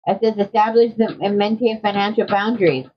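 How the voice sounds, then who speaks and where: A woman reading tarot cards for her viewers in a casual, conversational way, often checking in with a quick "okay?". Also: medium pitch, fairly even intonation, slight background noise. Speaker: tarot card reader. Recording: dull lo-fi audio.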